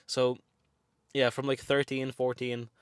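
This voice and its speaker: A Lithuanian vlogger in his twenties, whose first languages are Lithuanian and Russian, tells a personal story to camera in accented English, chatty and frank with many fillers. His medium-pitched voice is monotone and a little slow. The tone is clean, and the recording is dry and studio quality.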